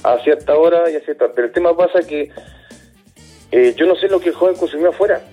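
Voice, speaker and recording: A man speaks in a radio interview, earnest and halting, with a husky, mellow voice pitched a little high. He repeats words as he goes, and faint music sits under a radio broadcast sound. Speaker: dismissed youth care worker, interviewee.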